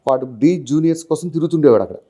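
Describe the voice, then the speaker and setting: A man, a comedian and writer, chatting as an interview guest and telling animated stories. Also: on the high side. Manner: fast, animated storytelling. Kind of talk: casual interview chat.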